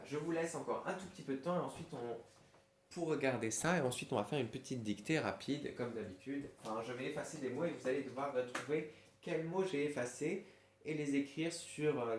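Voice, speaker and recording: A man's voice: mid-range voice, expressive, a little fast. A man teaching a school dictation lesson, patiently spelling words letter by letter and humming to stand in for the hidden words. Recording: echoey room, faint noise.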